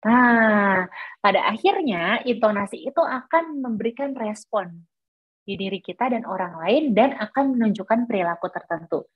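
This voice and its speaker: A woman's voice: mid-range voice, lively intonation, normal speed, breathy edge, dry recording, muffled recording. A woman giving an explanatory workshop lecture to teachers, often saying filler words between points. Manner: explanatory, many fillers like "nah" and "gitu ya". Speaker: teacher trainer.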